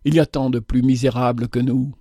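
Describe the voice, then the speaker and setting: A man's voice: medium pitch, level tone, brisk, warm tone, dry recording, studio quality, natural voice. A man voicing a poor, kindly widow and mother of three, speaking in a heartfelt, exclamatory way. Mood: wistful.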